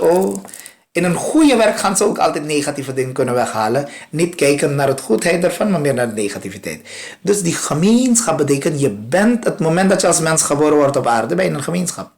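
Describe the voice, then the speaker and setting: Animated male spiritual teacher. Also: a little high. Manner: animated storytelling, rising emphatic peaks and soft drops; searches for words, repeats himself. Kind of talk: spiritual discourse with storytelling.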